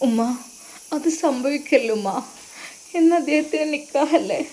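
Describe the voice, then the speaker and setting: A woman's voice: sits high, expressive, moderate pace, warm tone, slight background noise. A woman voicing a young wife, restrained and sad while she waits. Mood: sorrowful. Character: young wife, patient and sorrowful.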